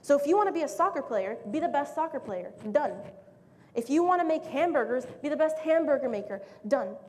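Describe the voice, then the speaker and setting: A young woman giving a casual, lively, joking motivational talk to an audience. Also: high voice, brisk. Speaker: speaker. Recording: echoey hall, faint noise.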